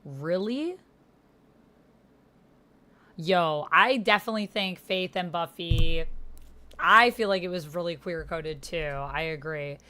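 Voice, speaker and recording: Typing on her keyboard, a tabletop roleplay stream host mutters to herself, chats casually, and reads posts aloud. Her lowish voice has a sharp tone, and she takes it slowly with long pauses.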